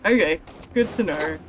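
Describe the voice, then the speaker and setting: In a noisy recording with video game music in the background, a woman with a lowish voice chats casually during a gaming livestream, addressing both herself and her viewers.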